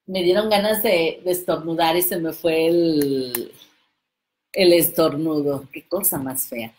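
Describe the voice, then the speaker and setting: A woman, coaching on self-esteem in a casual, expressive talk and acting out the voices she quotes. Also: lowish voice. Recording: echoey room.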